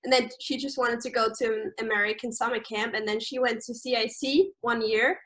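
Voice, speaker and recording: Over a low-quality video call, a young camp staffer from Austria talks loosely about camp, stumbling through fillers and restarts in her Austrian-accented native German. She speaks a little fast, her pitch slightly high and her tone fairly bright, with fairly even intonation.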